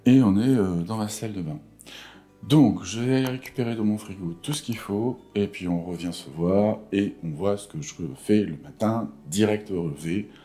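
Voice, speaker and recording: A man's voice: lowish voice, normal speed, dark tone, faint music behind. A man with a just-woken morning voice chatting informally and playfully through a casual skincare routine vlog. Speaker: skincare vlogger. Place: at home in a bathroom.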